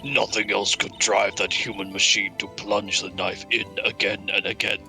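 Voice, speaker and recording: A player voicing a scheming, pompous witness from a video game as an unhinged, menacing villain with a gravelly voice. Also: low voice, level tone, moderate pace, sharp tone, soft background music, heavily acted. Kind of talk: dramatic read-aloud of video game dialogue.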